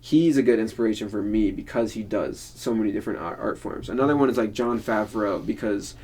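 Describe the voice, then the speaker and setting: A man's voice: fairly low pitch, brisk, a little mellow. A young man co-hosting a podcast in casual chat, rambling with lots of filler words. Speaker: podcast co-host.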